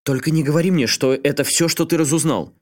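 A man's voice: fairly high pitch, fast talker, pitched above the performer's own voice, close to an everyday voice. A man playing a frantic pleading journalist. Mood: desperate. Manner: pleading, agitated, raised voice. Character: frantic male journalist fearing for family.

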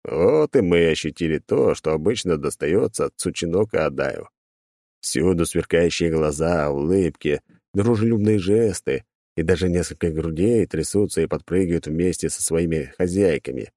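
Brief: male audiobook narrator, very low, dark timbre, wry and sardonic delivery. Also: normal speed, dry recording, clean studio sound. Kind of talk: scripted first-person narration.

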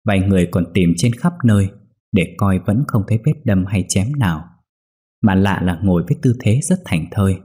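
Man, ghost story narrator, deep voice, mellow tone. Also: breathy edge.

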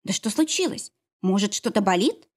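Woman reading as a caring young mother, reassuring, soothing, lively pitch, storybook. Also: normal speed. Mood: worried. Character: caring young mother and priestess, warm friend.

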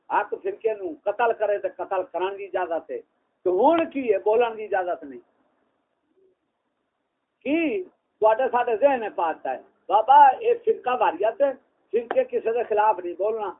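Man, preacher, high animated voice, rhetorical questions, tinny phone-like mobile recording. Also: vocal fry, husky. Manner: impassioned, rhetorical questions, mocking refrains. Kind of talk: fiery sermon.

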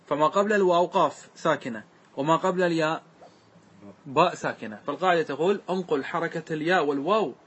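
A man teaching a classroom grammar lesson, slowly repeating word forms and often checking that his students follow. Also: on the high side, fairly bright tone, husky. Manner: asks students frequent check questions; repeats words slowly to show their forms.

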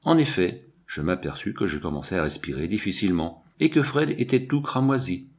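Man, low voice, audiobook narration, expressive, dramatic. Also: brisk. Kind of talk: scripted narration of an adventure novel.

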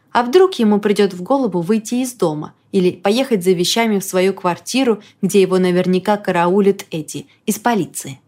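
A woman reading a first-person audiobook story with lively, expressive narration. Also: mid-range voice.

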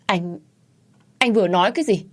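A woman's voice: moderate pace, close to an everyday voice. A woman voicing a desperate middle-aged wife and mother who pleads and cries out. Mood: frantic. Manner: pleading, shrill, frantic.

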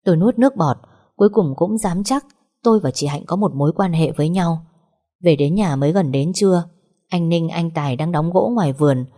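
Woman, audiobook narrator, first person, low voice, steady.

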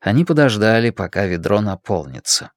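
In a measured, expressive storytelling style, a man narrates an audiobook from a script. His pitch sits fairly low, and the studio-quality recording has no echo.

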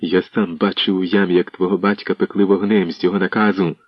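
A man voicing a sturdy male fighter who speaks slowly and with contempt, on a dull lo-fi radio recording. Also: low-pitched, flat delivery, no room sound.

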